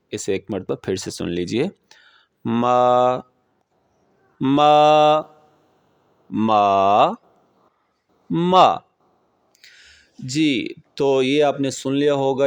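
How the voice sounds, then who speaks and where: A man teaching a beginner language lesson, explaining patiently and slowly repeating example words. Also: medium pitch, a little mellow.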